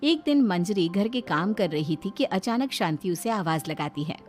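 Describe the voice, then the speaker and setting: A woman's voice: mid-range voice, expressive, moderate pace, darkish tone, faint music behind. Woman narrating a cartoon story.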